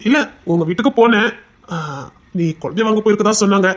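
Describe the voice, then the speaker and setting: A sly young schemer posing as a loyal best friend, voiced by an actor. He talks quickly and smoothly at a middling pitch, always fishing for details. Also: dull audio, close to an everyday voice. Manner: smooth, fast, prying.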